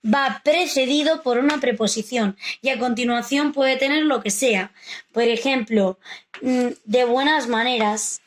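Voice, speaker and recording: A woman's voice: a little high, unhurried, a little hiss or hum. A woman teacher, explaining a grammar and literature lesson to children and often checking they follow. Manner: explains patiently, asks rhetorical checks like "vale?". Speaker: primary school teacher. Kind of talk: recorded remote lesson for children.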